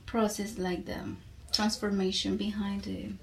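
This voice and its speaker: A woman's mid-range, gravelly voice delivers flat speech over a slight hiss or hum. She is a Colombian poet and teacher, a native Spanish speaker, guesting on a podcast and reflecting casually while she hesitates and searches for words in her second language.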